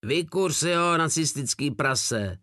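Guy doing a cold nasty soldier, snapping, kinda high and loud. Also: animated, no echo, clean studio sound. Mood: shouting. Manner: coldly contemptuous, shouting. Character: cold, hard-line male soldier.

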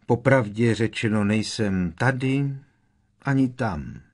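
A man voicing a sorrowful old gentleman ghost who speaks quietly and hesitantly in an audiobook. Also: fairly low pitch, animated, voice pushed up. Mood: mournful. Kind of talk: audiobook character reading.

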